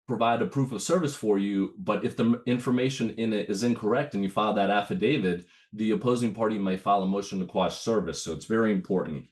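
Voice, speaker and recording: This low, darkish male voice belongs to a Ukrainian man in his thirties presenting at a bar webinar over a video call. He's getting over a cold with an itchy throat, and his casual, conversational talk is full of fillers and restarts.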